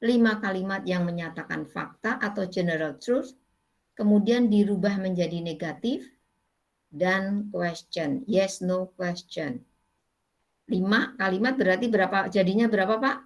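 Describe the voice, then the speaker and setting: A woman's voice: mid-range voice, measured pace, low-quality recording. A middle-aged woman lecturer with an Indonesian accent, patiently explaining English grammar to her class with many fillers. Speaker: university lecturer.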